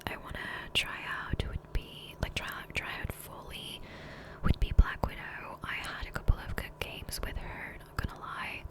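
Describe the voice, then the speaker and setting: Close to her USB condenser mic, a woman who makes ASMR gaming content murmurs in a soft, breathy whisper. Her talk is relaxed, self-deprecating rambling at an ordinary speed.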